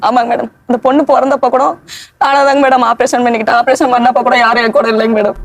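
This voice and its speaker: Woman, pleading testimony, high voice, rapid talk, TV audio with music over it. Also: flat delivery. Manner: pleading, adds respectful "madam" to nearly every sentence. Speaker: complainant on a family dispute show. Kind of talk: emotional testimony on a TV show.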